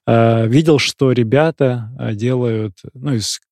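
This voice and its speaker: A man's voice: medium pitch, takes it slowly, a little mellow, no room sound, studio quality. A man hosting a podcast interview, asking friendly, curious questions in a casual way. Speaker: podcast host.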